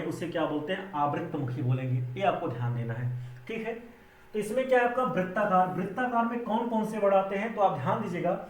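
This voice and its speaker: A man teaching a Hindi grammar exam-prep lesson, who keeps asking the class a question and then answering it himself. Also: sits high. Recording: echoey room, mic at a distance.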